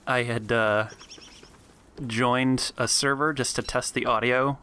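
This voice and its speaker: A young man chatting casually while playing an online game, laughing often and filling pauses with um and uh. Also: medium pitch, steady tone, bright, forceful tone, slight background noise. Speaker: gameplay video host. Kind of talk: casual gaming commentary.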